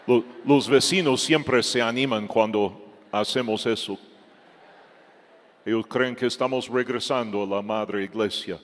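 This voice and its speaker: Preacher: a man giving an emphatic sermon, slow and fairly high, with a long church echo. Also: steady tone. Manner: emphatic, swings from loud to soft. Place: church hall.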